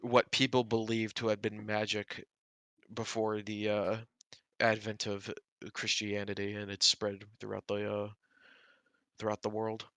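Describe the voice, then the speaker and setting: A male game master narrates a tabletop session, his voice low yet bright. He rambles through lore with plenty of fillers. The recording is dry and close. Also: monotone, unhurried, no room sound. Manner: rambling, filler-heavy explanations.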